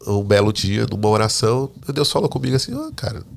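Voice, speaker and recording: Fast-talking gravelly man. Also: lowish voice, a little hiss or hum. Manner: lively storyteller who acts out quoted dialogue. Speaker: podcast guest. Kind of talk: personal faith testimony. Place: living in the United States.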